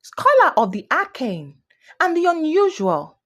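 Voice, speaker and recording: Eccentric mischievous scholar man, grand theatrical delivery, animated pitch, as a woman reads him. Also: unhurried, heavily acted. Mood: grandiose.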